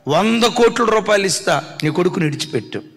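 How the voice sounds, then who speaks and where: A man pastor voicing a wise old king in a sermon story, speaking in a measured, lowered tone. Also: expressive, vocal fry, fairly bright tone, long reverb tail, exaggerated voice. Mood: calm.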